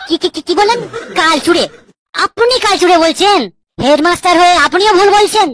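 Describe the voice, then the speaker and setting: With background noise behind him, the actor voicing the incredulous new male teacher speaks at an extremely high pitch and a little fast. The cartoon schoolmaster is exasperated as he corrects everyone's English.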